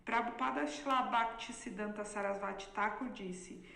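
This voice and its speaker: A woman reading a question-and-answer text aloud in a steady, explanatory way. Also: mid-range voice, moderate pace, creaky. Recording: echoey room.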